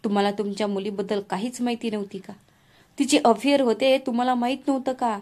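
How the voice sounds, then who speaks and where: A woman voicing a furious middle-aged mother of the groom, loud and accusing in a storybook reading. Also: medium pitch, little pitch movement, moderate pace, natural voice.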